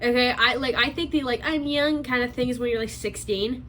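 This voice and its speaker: Sarcastic twenty-year-old woman, higher voice. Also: fairly bright tone, slight background noise, poor audio. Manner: sarcastic, rapid rambling with restarts. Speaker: commentary YouTuber. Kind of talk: commentary vlog.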